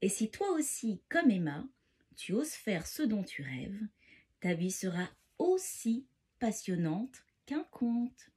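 A woman's voice: mid-range voice, big pitch swings, slow pace, a little mellow, husky. A woman reading a bedtime story to children, talking to them directly and expressively.

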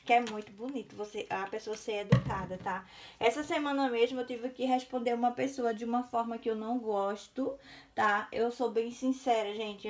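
A middle-aged woman with a Brazilian Portuguese accent talks casually and frankly to her viewers. Her voice sits a little high for a woman, and her exasperation comes through as she keeps turning back to address them directly. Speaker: crochet artisan vlogger. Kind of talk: casual vlog monologue.

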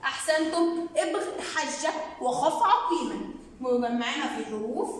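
An encouraging woman teacher with a fairly high voice, quizzing young pupils and praising every answer. She draws out key words slowly for emphasis. She sounds far from the mic in a very echoey room with faint noise behind her. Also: expressive. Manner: encouraging, praises often, asks quick questions. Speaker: primary school Arabic teacher. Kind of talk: classroom lesson for young children.

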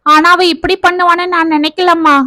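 Woman doing a middle-aged dad, worried, pleading, high-pitched, dry close sound. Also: level tone, a little fast, sharp tone, no room sound. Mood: distraught. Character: middle-aged father, anxious and distraught.

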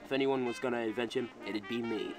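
A man doing a cynical hard-boiled private eye narrating his own story in a 1940s-style noir radio play, with a wry, world-weary delivery. His voice sits in an ordinary middle range, with music playing clearly behind the narration. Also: medium pitch, fast, close to an everyday voice.

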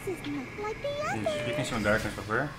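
A man's voice: mid-range voice, animated, a little fast, reverberant. A man with a Brazilian Portuguese accent chatting casually and giving callouts while streaming a video game. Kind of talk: casual gameplay chat and callouts. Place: small indoor room at home. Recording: clear game noise behind the voice.

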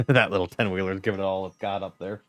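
Man, live-stream gameplay host, joking, chatty, lowish voice. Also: fairly even intonation, quick pace, dry recording. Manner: joking, chatty, talks to chat. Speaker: game streamer.

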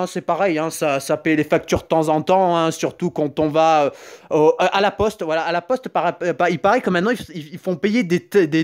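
Excitable high-voiced man joking through gameplay. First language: Italian. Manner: jokey, excitable, yelps and rambling asides. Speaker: gaming YouTuber.

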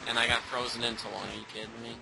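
A man's voice: mid-range voice, level tone, very fast, creaky. A young man chatting and teasing friends while playing an online game. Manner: teasing, laughing banter. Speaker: player, group regular. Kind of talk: casual gaming chat. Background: loud game music.

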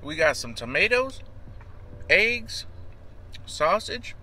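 A young man chatting casually with his mouth full of food while reviewing it, slangy and relaxed. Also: high voice, slow pace. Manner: casual, slangy, talks between bites.

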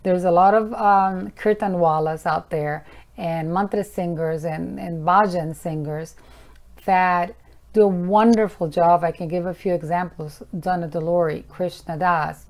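Earnest woman teaching, slightly low voice. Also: a little mellow. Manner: earnest, frank, sometimes firm. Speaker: mantra teacher. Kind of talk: casual explanatory talk to camera.

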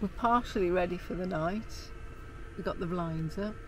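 A woman's voice: on the low side, moderate pace, darkish tone, a little hiss or hum, rough recording. A woman chatting casually in a camper van during a travel vlog. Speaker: vlogger.

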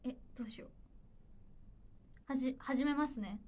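Hosting a casual idol livestream, a young woman chats away with a warm, high voice at a normal pace. She seems a little nervous and giggles while reading out viewer comments.

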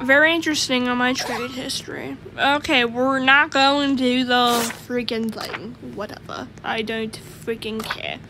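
A woman's voice: a little high, fairly even intonation, unhurried, hardly any pauses, noisy background. A woman giving casual gameplay commentary, rambling as she lists items aloud and giggles often. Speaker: gamer.

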